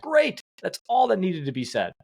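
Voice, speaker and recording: A man's voice: mid-range voice, brisk, a bit bright. A man co-hosting a sports podcast, talking heatedly with swearing and repeated points. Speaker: podcast co-host. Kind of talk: casual sports podcast chat.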